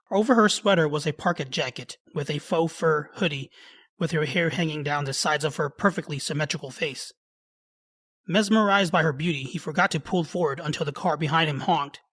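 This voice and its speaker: A man narrating a love story in a steady storytelling way. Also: a little high.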